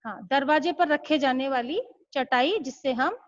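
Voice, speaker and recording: A school teacher gives young children an online lesson, explaining patiently and frequently checking that they follow. Her voice sits high and her pace is a little slow. The lo-fi audio is slightly muffled.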